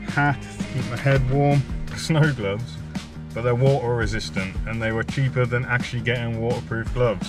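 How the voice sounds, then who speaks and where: Guy vlogging casually, kinda rambly and wry about himself, normal pitch, music and car noise behind him. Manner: rambling, self-deprecating, wry understatement. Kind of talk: casual chat to camera.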